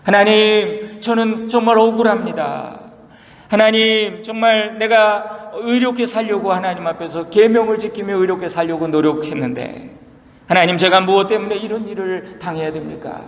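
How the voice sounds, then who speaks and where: A man acting out an anguished, wronged man pleads his innocence to God. The voice climbs high and presses hard. A long reverb rings around it, as if in a large hall. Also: moderate pace. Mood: aggrieved pleading. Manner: pleading, aggrieved.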